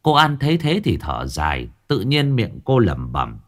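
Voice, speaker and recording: A man narrating a ghost story in a dramatic, vividly expressive style. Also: on the low side, moderate pace.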